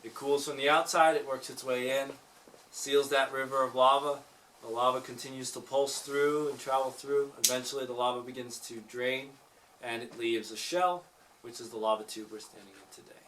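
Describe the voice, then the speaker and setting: A man's voice: mid-range voice, steady tone, normal speed, a bit bright. A man guiding a tour inside a cave, explaining things informally and putting questions to the group as his voice echoes. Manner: echoing cave guide, informal teacherly explaining; jokey asides. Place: inside a lava tube cave. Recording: echoey cave, distant mic, faint noise.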